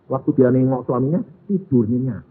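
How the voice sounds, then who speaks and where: An older man preaching a sermon, firing rhetorical questions at the congregation and dropping from loud to hushed. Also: mid-range voice, animated, brisk, a little hiss or hum. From Central Java, Indonesia. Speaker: evangelist preacher. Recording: tinny, phone-like lo-fi sound.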